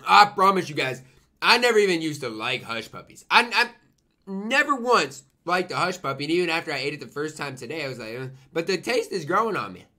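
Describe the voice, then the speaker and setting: Young man, slightly high pitch, bright voice, casual food vlogger, emphatic and repetitive. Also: big pitch swings, fairly quick. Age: young adult. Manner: talks while eating, murmuring appreciative mms; emphatic, repeats himself. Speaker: food reviewer. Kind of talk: casual food review vlog. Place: small room at home, indoors.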